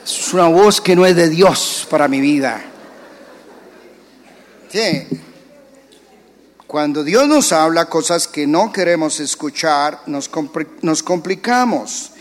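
A man's voice: a little high, slow pace, pauses often. A male pastor preaching a sermon, acting out the voices he quotes. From Colombia. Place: church. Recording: church hall reverb.

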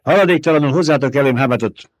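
A man's voice: medium pitch, dry recording, pitched above the performer's own voice, natural voice. A man voicing a stern, commanding noble lady. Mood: firm. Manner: sharp, clipped commands.

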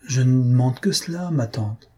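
A man's voice: mid-range voice, normal speed, a little mellow, breathy edge, close to an everyday voice. A man reading aloud, voicing a carefree young nephew who teases and cajoles his aunt. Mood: flippant. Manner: cajoling, flippant.

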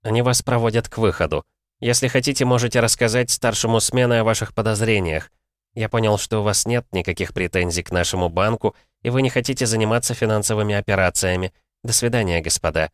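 A man's voice: fairly low pitch, fairly even intonation, fast, no room sound, studio quality, pitched above the performer's own voice, close to an everyday voice. A man voicing a stubborn, polite male bank clerk in an audiobook, courteous and firm. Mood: politely stubborn.

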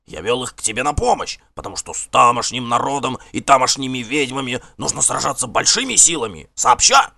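A man voicing a frightened, two-faced Norse king in an audiobook, shrill and frantic. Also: animated, fairly quick, gravelly, hardly any pauses, bright, forceful tone, dry recording, full character voice. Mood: wheedling. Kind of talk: audiobook character voice.

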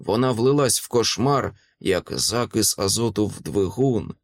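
Guy reading an audiobook dramatically, pitch jumps around a lot, super dry sound. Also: animated, a little slow, no room sound. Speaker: audiobook narrator. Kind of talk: first-person audiobook narration.

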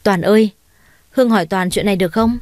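A woman's voice: mid-range voice, fast, no room sound, natural voice. A proud, scheming young woman in an audio story, cold and cutting in her speech. A woman voices her in her usual tone. The recording is dry and close to the mic. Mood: coaxing. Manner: cold, sharp.

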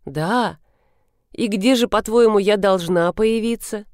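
A woman reader voicing a mocking, playful young woman with a sharp tongue, recorded dry and close. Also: mid-range voice, slow pace, no echo, pitched above the performer's own voice, natural voice.

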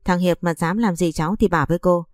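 A woman's voice: lowish voice, steady tone, fast talker, no room sound, clean studio sound, soft background music, natural voice. Woman putting on a doting gossipy aunt. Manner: affectionate, gossipy. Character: doting middle-aged aunt, playful.

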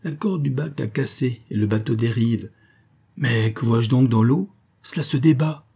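A man's voice: mid-range voice, normal speed, warm tone, breathy edge. A man reading an audiobook voices a timid young male servant who grumbles and then cries out in fear. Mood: alarmed. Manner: muttering complaints, then panicked cries.

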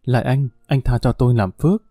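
A man voicing a frightened young woman who pleads and cries, raised higher than his own voice. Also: fairly quick, mellow, dry recording, studio quality, soft background music, lightly acted. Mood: pleading. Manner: tearful and pleading.

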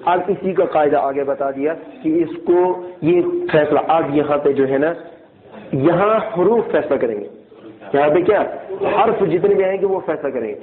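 Man teaching in an echoey room. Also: fairly high pitch. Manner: asks students questions and repeats key points; slowly drills syllables aloud, half-chanted. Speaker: Quran recitation teacher. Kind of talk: classroom tajweed lesson. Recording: echoey room, thin phone-like sound.

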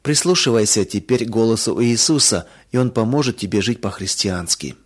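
A man voicing a kind older woman, a gentle teacher, in a soft caring tone. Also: fairly low pitch, fairly quick, slightly rough.

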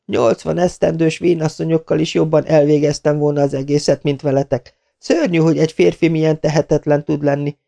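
A man putting on a shrill, furious bossy woman. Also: very animated, dark tone. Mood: shrieking furious. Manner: shrieking, contemptuous. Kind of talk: audiobook character reading.

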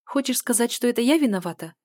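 A woman voicing a sharp-tongued young mother who speaks in a raised, cutting, indignant tone in an audiobook. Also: fairly high pitch, lively intonation, fast, no room sound, clean studio sound, voice pushed up. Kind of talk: audiobook dialogue reading.

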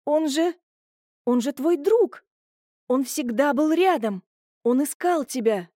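A woman's voice: measured pace, dark tone, no echo, studio quality. A woman voicing an emotional young woman who pleads and protests tearfully in an audiobook. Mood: upset. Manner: shrill, pleading, agitated.

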